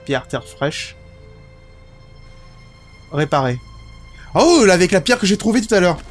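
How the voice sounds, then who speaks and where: A young man from France giving excitable, casual commentary as he plays a video game, swearing now and then. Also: high voice, measured pace. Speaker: gaming video host. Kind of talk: casual let's-play commentary. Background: game music.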